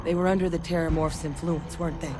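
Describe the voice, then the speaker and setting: A woman's voice: deep voice, steady tone, quick pace, noisy background, close to an everyday voice. An actress playing a seasoned, commanding female field companion in a video game, urgent and knowing. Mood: grave, knowing. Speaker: companion character.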